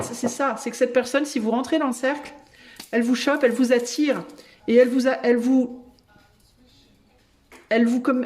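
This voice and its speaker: A woman reading tarot cards and channeling for her viewers, with a fairly high voice. She thinks aloud as she goes and often bursts into excited exclamations. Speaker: tarot reader and medium.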